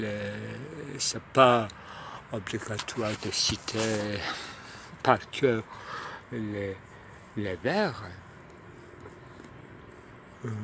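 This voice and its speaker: A man musing aloud in a rambling monologue, hesitant and full of pauses and fillers, outdoors near a tunnel. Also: lowish voice. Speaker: lecturer. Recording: loud traffic noise behind.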